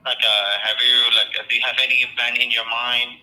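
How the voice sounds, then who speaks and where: A man's voice: medium pitch, flat delivery, fairly quick, bright, forceful tone. A man on a phone call from a call center, heard over the phone line, talking politely and calling the listener "sir" again and again. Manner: polite, repetitive, says "sir" often.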